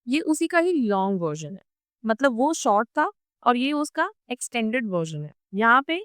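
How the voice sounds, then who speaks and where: A woman's voice: fairly bright tone, smooth, no echo, clean studio sound. A young Indian woman with an Indian accent giving a patient, step-by-step lecture as an online tutor. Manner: patient, explains step by step and drops her pitch on example words. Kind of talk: explanatory lecture.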